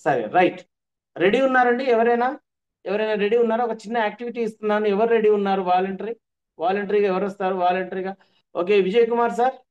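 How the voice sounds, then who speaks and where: Male trainer, high voice, emphatic repeats, dull call audio. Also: quick pace, darkish tone. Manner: repetitive, emphatic teaching. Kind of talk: online workshop lecture.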